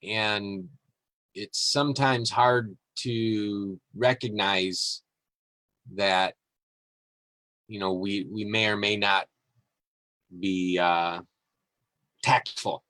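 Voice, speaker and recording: A man hosting a podcast in a relaxed, rambling way, reading passages aloud and chatting about them with fillers and small chuckles. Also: lowish voice, drawn-out words, long pauses, no room sound, low-quality recording. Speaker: podcast host. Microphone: live-streamed podcast mic.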